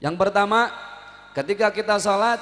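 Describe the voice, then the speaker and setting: A Jakarta-born man preaching with a slightly high voice, animated and humorous. He keeps calling on the congregation to answer him back. The long reverb of a prayer hall trails behind his words. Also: normal speed. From Betawi, Jakarta. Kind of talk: lively religious sermon with call-and-response. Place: prayer hall at an evening gathering.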